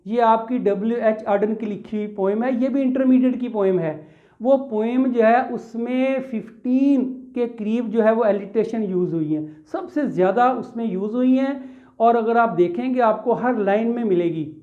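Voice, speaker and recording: His voice is very high-pitched and the sound is lo-fi. The man, who has a Pakistani accent, patiently lectures a class on English grammar, raising questions and answering them himself, calling his students "beta," and weaving English terms into the explanation.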